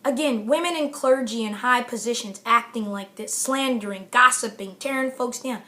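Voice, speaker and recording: A woman's voice: on the high side, normal speed, bright, forceful tone. A middle-aged woman giving an impassioned motivational address to camera, emphatic and repeating phrases for stress. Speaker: author giving a talk to camera.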